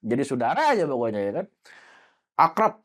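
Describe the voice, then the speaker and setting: Guy telling a story, really expressive pitch, mid voice, does voices and sound effects. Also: fairly quick. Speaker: guest storyteller. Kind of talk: casual storytelling.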